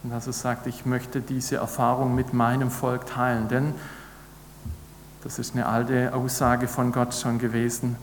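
A man's voice: mid-range voice, completely flat delivery, a little slow, a little hiss or hum. A man preaching a sermon, earnest and building to emphatic repeated declarations. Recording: echoey hall with long reverb.

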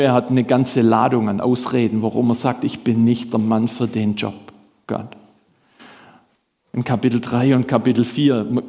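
A man's voice: medium pitch, a little mellow. A man preaching a sermon in a conversational way, speaking directly to his congregation. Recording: long hall reverb.

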